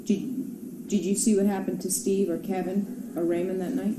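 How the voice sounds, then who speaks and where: A woman's voice: mid-range voice, flat delivery, moderate pace. A woman questions someone as an interrogator. She is formal and insistent, pressing the same pointed questions again. The recording is echoey with noticeable noise behind her.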